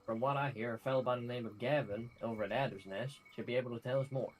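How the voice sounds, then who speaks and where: A man reading a gruff, folksy adventurer informant's game dialogue aloud in a drawling manner. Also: medium pitch, fairly even intonation, quick pace, natural voice, rough recording.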